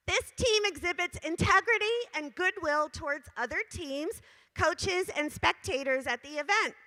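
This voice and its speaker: A slightly hoarse woman with a high, bright voice presents awards in upbeat, stretched-out calls. She sounds like she is in a large indoor venue, and her voice rings with a long reverb from the hall. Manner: upbeat, drawn-out announcements to a crowd. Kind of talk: announcing awards at a tournament.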